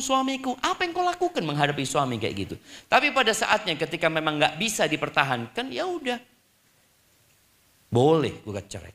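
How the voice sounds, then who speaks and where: A man preaching a sermon to a live congregation, lively, mixing formal and casual speech and acting out little dialogues. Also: a little high.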